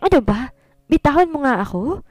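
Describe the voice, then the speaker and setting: A woman's voice: high-pitched, very animated, moderate pace, no room sound, soft background music, pitched above the performer's own voice. A woman voicing a hurt young wife who refuses sharply and then reproaches through tears, in a storybook reading. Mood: refusing.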